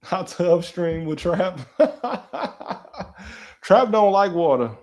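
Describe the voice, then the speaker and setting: Laid-back young man chatting on stream. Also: moderate pace. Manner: relaxed, slangy, talks to his dog in a high coaxing voice. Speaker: livestream host. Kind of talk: casual live stream chat.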